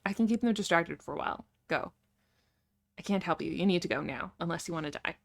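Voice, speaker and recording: Woman doing cold stern vampire guy, short clipped lines, low gravelly. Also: animated, fast.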